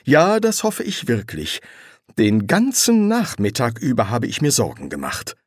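A man voicing a fussy, anxious, soft-hearted male angel who hesitates and stammers in an audiobook reading. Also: medium pitch, huge pitch swings, measured pace, dry recording, studio quality, voice pushed up. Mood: worried.

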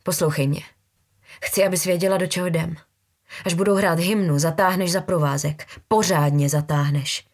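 A woman voicing a brutal, menacing young man who talks in low, slangy threats. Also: steady tone.

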